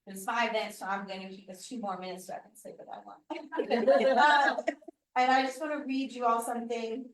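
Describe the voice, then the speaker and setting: A woman's voice: a little high, steady tone, normal speed, echoey room, distant mic, rough recording. A woman from Eastern Kentucky moderating a community forum, giving emotional closing remarks close to tears. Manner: emotional, voice breaking near tears. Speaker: event moderator.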